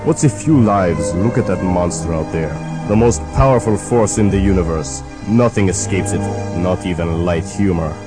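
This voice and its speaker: A man's voice: low voice, moderate pace, few pauses, music in the background, lightly acted. A man playing a cranky, melodramatic mad scientist villain in a comic sci-fi parody, speaking sardonically. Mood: grandiose. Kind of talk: comic audio parody of a science fiction film.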